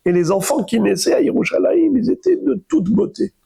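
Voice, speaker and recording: Animated rabbi with a gravelly, husky voice. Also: male voice, very high-pitched, a little fast. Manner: animated storyteller, voice rising and dropping to near whispers. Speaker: rabbi teaching Talmud. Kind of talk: Talmud lesson, retelling stories.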